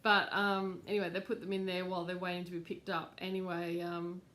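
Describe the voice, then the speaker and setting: A woman's voice: lowish voice, flat delivery, a little fast, fairly bright tone, slight background noise. Chatty woman rambling at home. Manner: chatty, rambling, with fillers and laughs. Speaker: cross-stitch channel host. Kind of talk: casual chat to camera.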